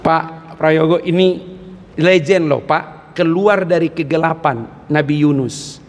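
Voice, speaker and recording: A man preaching at a mosque, telling animated stories with jokes and frequent exclamations. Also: on the high side, slow, slight background noise. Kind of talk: lively mosque sermon. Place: mosque hall. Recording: long mosque reverb.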